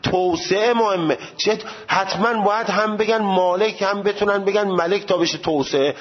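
A man giving a seminary lecture, animated and full of rhetorical questions. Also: sits high, big-room sound, lo-fi sound. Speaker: religious studies teacher.

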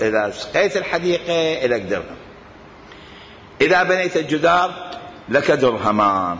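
Animated Iraqi man lecturing in an echoey hall. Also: mid-range voice, slight background noise. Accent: Iraqi Arabic. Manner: animated, argumentative, fires rhetorical questions. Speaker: teacher of Islamic jurisprudence. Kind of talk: religious jurisprudence lecture. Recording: echoey hall, dull lo-fi sound.

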